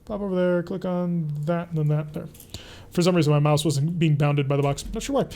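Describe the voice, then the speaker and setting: Pitched on the high side and mellow, this young man talks a little fast while streaming a mech strategy game. He keeps up chatty, casual commentary and responds to his live chat as the match goes on.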